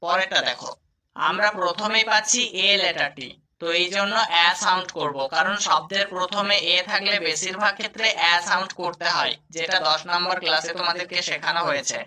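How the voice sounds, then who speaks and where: Guy tutoring english reading, spells letters then says the word twice, super bright tone. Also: sits high. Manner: spells letters slowly, repeats each word. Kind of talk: spoken lesson, spelling out words.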